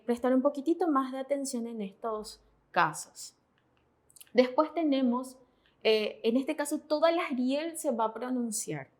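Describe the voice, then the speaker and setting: A woman's voice: on the high side, a bit bright. A woman teaching Korean pronunciation in Spanish, methodical and often checking in with her students. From Paraguay. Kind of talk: classroom explanation.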